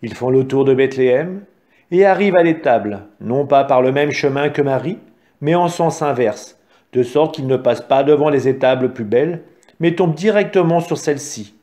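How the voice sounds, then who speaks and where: A man narrating a story with a calm, measured reading. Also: medium pitch.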